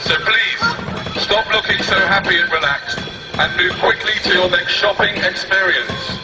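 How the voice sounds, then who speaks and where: A man speaking through a megaphone outdoors, making deadpan, sarcastic mock public announcements as a street activist. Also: high voice, unhurried. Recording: echoey street sound from far off, loud music behind.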